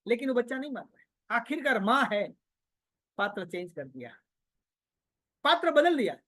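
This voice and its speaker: A man giving a motivational seminar talk, telling a story and firing repeated questions at his audience, sometimes loud, sometimes quiet. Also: extremely high pitch, very animated, normal speed, dry recording. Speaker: motivational trainer.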